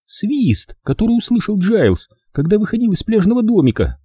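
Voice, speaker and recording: A man's voice: very animated, moderate pace, dark tone, slightly rough, dry recording, studio quality, heavily acted. A man voicing a fiery, sarcastic young woman who bursts out in indignant lines. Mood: triumphant. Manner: shrill, indignant outbursts.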